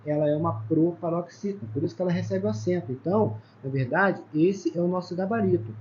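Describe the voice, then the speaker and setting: Brazilian teacher counting letters aloud. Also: male voice, sits high, quick pace, a little mellow. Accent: Brazilian Portuguese. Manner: explains step by step, counting aloud, with frequent "tá?" and "ó" checks. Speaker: Portuguese teacher. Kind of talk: exam-prep lesson at a whiteboard. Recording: slightly dull sound with faint background noise.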